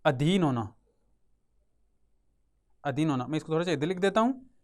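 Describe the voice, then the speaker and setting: A man's voice: fairly high pitch, animated, normal speed, darkish tone. A man with a Rajasthani Hindi accent teaching an English vocabulary class for exam prep. He repeats each word and asks and answers his own questions, recorded on a close mic in a classroom or studio with a writing board.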